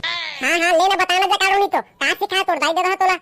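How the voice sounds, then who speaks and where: A lazy, excuse-making young village man from a comic skit, acted by a woman, talking in a Chhattisgarhi accent. The voice sits very high and bright, sharp at the edges. He grumbles and whines his way through every line. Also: no room sound. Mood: grumbling. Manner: whiny, grumbling, quick to complain.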